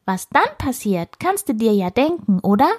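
A woman voicing a cheeky little male squirrel with a squeaky, piping voice, teasing and lecturing in a storybook. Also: very animated, moderate pace, a little mellow, breathy edge. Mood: stern. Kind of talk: storybook narration.

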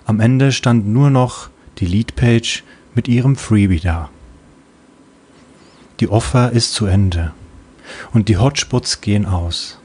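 A man's voice: fairly low pitch, slow, long pauses, a little mellow, husky. A man narrating a comic audiobook in a playful storytelling manner.

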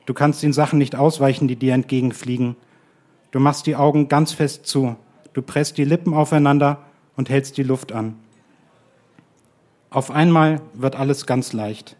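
A man reading his own short story aloud at a live radio event, in a calm and measured way that slows to quiet, drawn-out lines. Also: mid-range voice. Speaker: guest author reading his own text.

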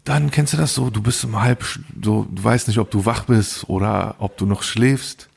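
A man's voice: fairly low pitch, normal speed, creaky, husky. A man co-hosting a podcast, telling a story in a casual, slangy way and acting out both sides of the dialogue. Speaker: podcast co-host.

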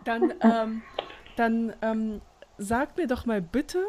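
A woman hosting a casual interview, relaxed and encouraging toward her guest. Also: fairly high pitch, takes it slowly. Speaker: podcast host.

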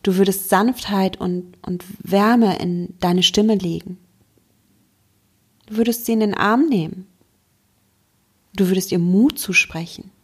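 Female mindfulness coach, podcast host; breathy, gentle, encouraging, speaks directly to the listener. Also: medium pitch, slow, long pauses. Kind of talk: self-help podcast talk.

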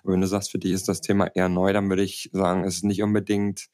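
A man with a gravelly smoker's rasp, co-hosting a casual podcast conversation. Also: deep voice, flat delivery, quick pace, a little mellow. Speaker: podcast co-host.

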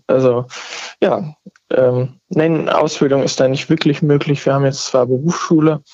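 A man's voice: medium pitch, fairly even intonation, moderate pace, darkish tone, dry recording. A man in his twenties comes through over the phone line, muffled and lo-fi. He talks casually but hesitantly, stopping often to look for the right word. The sound is dry and close, with no room around it. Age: 20s. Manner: hesitant, searching for words with many fillers. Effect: heard over the phone. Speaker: caller. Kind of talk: casual call-in chat.

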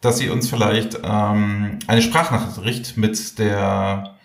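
A man's voice: on the low side, steady tone, takes it slowly, gravelly. Man in a roomy, echoey podcast sound. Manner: hesitant, searching for words. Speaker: podcast co-host. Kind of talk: casual chat.

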